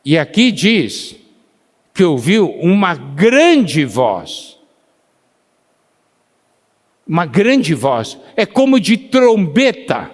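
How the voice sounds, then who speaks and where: A man preaching a sermon who slows down to stress scripture and asks the congregation questions, pausing for their answers. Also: fairly high pitch, big pitch swings. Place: church meeting hall. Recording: long hall reverb.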